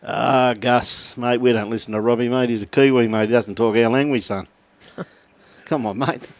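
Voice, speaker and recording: During a live lawn bowls broadcast, a man with an Australian accent reads viewer messages aloud between jokes and frequent laughter. He speaks briskly at a medium pitch with a steady tone, and there's no echo.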